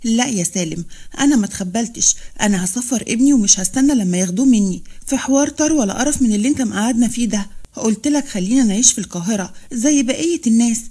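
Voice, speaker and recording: A woman's voice: on the high side, expressive, rapid-fire, dark tone, breathy edge. A woman voicing a frantic, insistent middle-aged mother. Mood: anxious. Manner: pleading, insistent.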